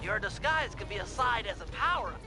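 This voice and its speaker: Brief: high-voiced, careful heist planner, precise and instructive, video game. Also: male voice, sing-song, fairly quick, over music. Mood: earnest briefing. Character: brainy, careful male heist planner on the radio.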